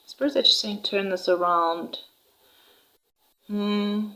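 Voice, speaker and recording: A woman talks viewers through a tarot spread at an easy pace. Her voice sits in a middle register, and she keeps checking in with "all right?" as she gently reassures them. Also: medium pitch, low-quality recording. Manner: unhurried, reassuring, with frequent "um" and "all right?" tags. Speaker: tarot reader. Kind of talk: intuitive tarot reading to viewers.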